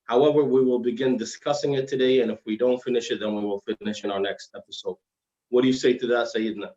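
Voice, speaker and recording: A male religious teacher explains in a formal way, slipping into Arabic phrases. His diction is slightly thick and slurred, and his mid-pitched voice comes through a roomy, somewhat muffled live stream. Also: fairly even intonation, quick pace, dark tone. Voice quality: slightly slurred, heavy-tongued diction from dental trouble. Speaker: Islamic scholar, guest lecturer. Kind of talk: religious lesson in dialogue form.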